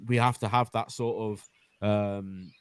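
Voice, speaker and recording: A man's voice: lowish voice, fairly even intonation, measured pace, clean tone, no room sound. A man, hosting an enthusiastic casual football podcast chat. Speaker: podcast host.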